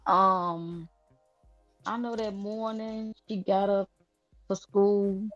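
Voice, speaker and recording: A woman, a bereaved mother, slowly recounting her daughter's last day on a live-stream interview. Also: mid-range voice, steady tone, no room sound, faint music behind. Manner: halting, soft-spoken recounting. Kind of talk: emotional personal account. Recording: dull lo-fi stream audio.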